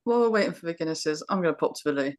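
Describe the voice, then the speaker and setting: A woman plays a prim, forthright young female student in an audio drama. Her voice sits a little low, and she speaks directly and properly. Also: animated, rapid-fire. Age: young adult.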